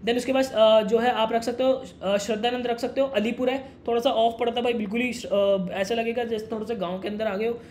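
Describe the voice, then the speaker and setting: A young man explains things quickly and casually, calling the listener "brother". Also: extremely high pitch, fairly even intonation, darkish tone, a little hiss or hum. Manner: fast, brotherly, addresses viewer as "mere bhai". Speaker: education YouTuber. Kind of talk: casual explainer talking to camera.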